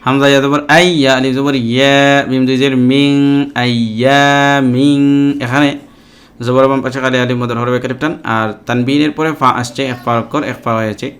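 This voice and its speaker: A man's voice: medium pitch, fairly even intonation, fairly bright tone. A man teaching Quran reading, spelling each word letter by letter and briefly explaining the recitation rules. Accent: Bangladeshi Bengali. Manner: slow, measured letter-by-letter spelling with short rule explanations.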